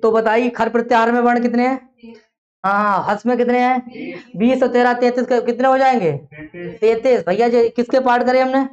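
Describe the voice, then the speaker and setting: Fairly high woman teacher drilling class. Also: steady tone, brisk, a little mellow. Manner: drills the class with repeated questions; explains step by step, checks understanding often. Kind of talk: classroom lecture. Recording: dull lo-fi classroom recording.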